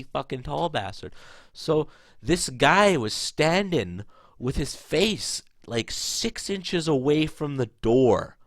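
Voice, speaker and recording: A man's voice: medium pitch, fairly bright tone, dry recording, clean studio sound. A young man telling a story to camera in a rambling, profane, casual way, full of "like" fillers. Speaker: vlogger.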